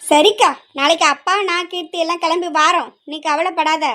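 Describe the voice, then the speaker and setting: A woman voicing a calm younger aunt who reassures her sister on the phone. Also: extremely high pitch, brisk. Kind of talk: amateur family drama.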